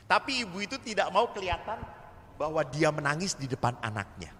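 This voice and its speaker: Animated priest in a reverberant church. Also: male voice, on the high side, fairly quick. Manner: animated storyteller who acts out dialogue. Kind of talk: seminar talk in sermon style. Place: large church.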